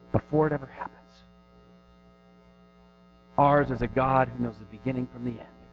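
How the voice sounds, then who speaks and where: A high-voiced man in his thirties, a pastor, delivers a sermon in an earnest, conversational style, leaning hard on some phrases and sinking to a hush on others. The recording is dull and lo-fi, with faint music behind him.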